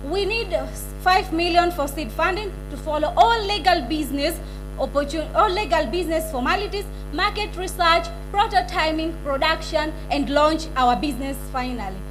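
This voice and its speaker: A young woman with a Zanzibari accent giving a formal, rehearsed business pitch to an audience, stumbling over some words. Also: normal speed, fairly bright tone, soft background music, rough recording. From Zanzibar, Tanzania. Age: young adult.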